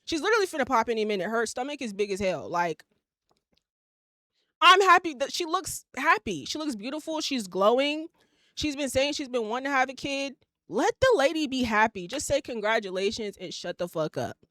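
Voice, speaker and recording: A woman's voice: high-pitched, lively intonation, a little fast, pushed and bright, no room sound, studio quality. A woman, hosting a podcast and ranting bluntly with plenty of swearing. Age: 20s. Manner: blunt, profane, emphatic ranting. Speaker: podcast host. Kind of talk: casual opinion monologue.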